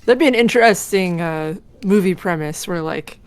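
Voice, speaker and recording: Low-voiced woman musing aloud. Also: moderate pace, a little hiss or hum. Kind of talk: casual chat.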